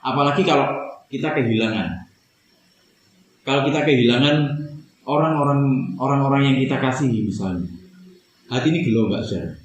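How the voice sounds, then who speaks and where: A man's voice: mid-range voice, a little fast, pauses often, a little hiss or hum. A man preaching a conversational sermon, often turning to his listeners as brothers and sisters. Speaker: pastor. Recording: very echoey hall.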